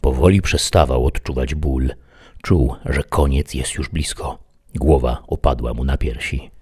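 A man narrating a dramatic audiobook story with an expressive, tense delivery. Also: a bass voice, unhurried, slightly rough.

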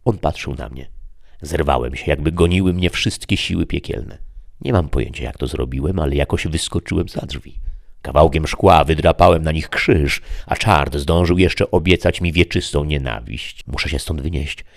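A man's voice: very deep voice, normal speed, gravelly, no echo. A man narrating a first-person short story in a dry, ironic way.

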